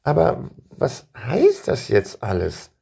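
A man's voice: mid-range voice, wildly swooping pitch, slow pace, vocal fry, warm tone, breathy edge, pitched above the performer's own voice, heavily acted. A man voicing a clever, slight young prince who makes dry, wry remarks.

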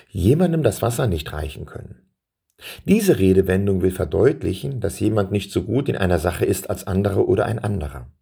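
A man reading a children's story aloud in a calm manner and turning to address his young listeners. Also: low-pitched, vocal fry, slightly rough.

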